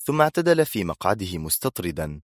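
A man with a deep voice reads a thriller aloud in scripted, dramatic narration, telling the story expressively at a fairly quick pace. The recording is studio quality with no room sound.

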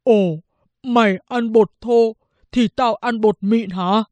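A woman's voice: fairly high pitch, steady tone, slow pace, darkish tone, no echo. A woman voicing a grumpy old peasant father who bickers with his son in a spoken story. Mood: grumpy bickering. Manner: grumbling, bickering.

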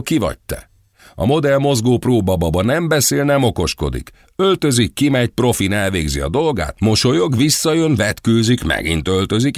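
A man's voice: on the low side, no room sound, studio quality, pitched above the performer's own voice. A man voicing an arrogant, flamboyant male fashion designer in an audiobook, scornful and hot-tempered. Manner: scornful, irritated, shouting.

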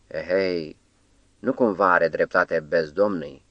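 A man narrating a literary audiobook in a measured, expressive storytelling manner. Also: low voice, no echo, muffled recording.

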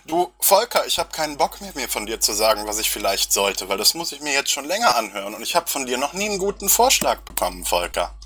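Angry and agitated, a local political party activist fires off confrontational, accusatory, sarcastic arguments in a heated voice-chat dispute. He talks fast with few pauses in a mid-range voice that is very animated, bright and forceful. It was captured as an online voice chat recording.

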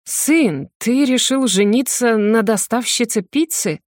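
A woman reading as a furious middle-aged mother, voice pitched up high and thrown out loudly. She is shrill and demanding, and she does not let go. The sound is close and dry. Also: slow pace, no room sound. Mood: indignant. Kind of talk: audiobook character voice.

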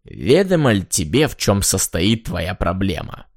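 A pompous, grumpy minstrel who declaims each word slowly and loudly, with theatrical old-fashioned grandeur, as a man reads him. The voice sits low and the recording is dry and close. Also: big pitch swings, no room sound, heavily acted. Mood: pompous indignant. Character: pompous grumpy male minstrel, archaic speech.

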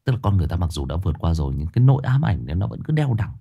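A man with a fairly low voice tells a harrowing story straight to his listeners. His pitch leaps high for emphasis, then sinks low and somber, in loose, chatty speech full of restarts. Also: rapid-fire, vocal fry, husky, muffled recording. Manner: animated, swings from high emphatic bursts to low somber drops; addresses listeners directly, casual with restarts.

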